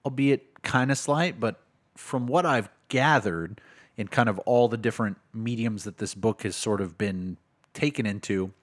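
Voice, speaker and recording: A man's voice: lowish voice, measured pace. A man co-hosting a casual book podcast, hedging his points with lots of "kind of" and "sort of.". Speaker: podcast co-host.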